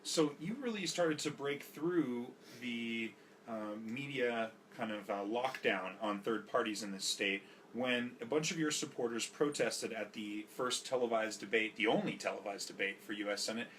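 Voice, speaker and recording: A man hosting a radio interview, asking questions in a halting, hesitant way. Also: mid-range voice, a bit bright, a little hiss or hum.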